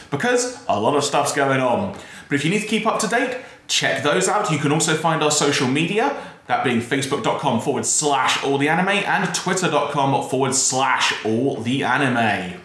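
A man's voice: a little high, a bit bright. A man hosting a casual podcast, recorded in a bare, very echoey room. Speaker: podcast host. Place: bare office room with desk and chairs.

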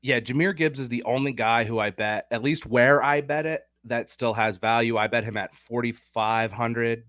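A man's voice: medium pitch, moderate pace, hardly any pauses, a bit bright, dry recording, clean studio sound. A young man hosting a casual sports betting chat, talking through stats and odds analytically. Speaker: sports betting podcast host.

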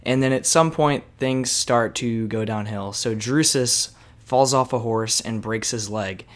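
A young man co-hosting a casual history podcast, chatty and relaxed, often saying "like". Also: medium pitch, measured pace. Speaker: podcast co-host.

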